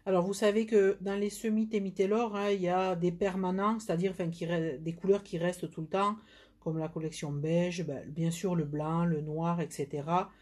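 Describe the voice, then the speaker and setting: A woman's voice: on the low side, fairly even intonation, moderate pace, darkish tone. A woman with a southern French accent, chatting through a live nail polish demo with many fillers and restarts. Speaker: nail product seller.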